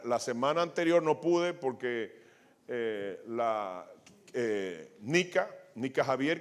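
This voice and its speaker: A male pastor preaching a sermon, telling a testimony with many restarts and acting out the quoted lines. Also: a little high.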